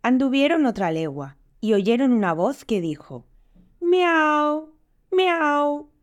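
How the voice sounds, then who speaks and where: Woman storyteller, animated folk-tale reading, voices for each animal. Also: medium pitch, normal speed. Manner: lively, changes voice for each animal.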